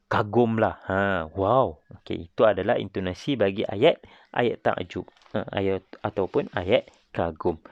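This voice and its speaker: Deep slow Malaysian male teacher. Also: a little mellow, no room sound. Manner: explains step by step, acting out sentence intonation. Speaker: primary school teacher. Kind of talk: recorded class lesson. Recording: dull, dry lo-fi recording.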